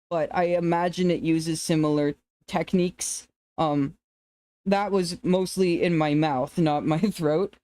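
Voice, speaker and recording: A streamer with an androgynous to femme-sounding voice, chatting casually with viewers in a rambling, relaxed way. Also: medium pitch, smooth, no room sound. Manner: relaxed, rambling, laughs often, restarts sentences.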